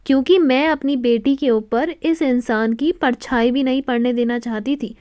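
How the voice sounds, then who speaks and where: A woman's voice: high voice, steady tone, normal speed, no room sound, studio quality, lightly acted. A woman reading an angry young mother. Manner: sharp, accusing.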